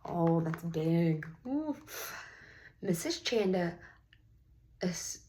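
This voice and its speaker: Extremely slow and on the low side, this woman's voice belongs to a teacher sharing a picture book with small children. The read-aloud is interactive: she gives the story an expressive, drawn-out reading and encourages the kids with questions and praise.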